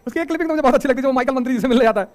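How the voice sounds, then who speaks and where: Very fast and very high-voiced, a middle-aged man teaches a coaching class through an animated pep talk, firing off rhetorical questions and throwing in jokes on the side.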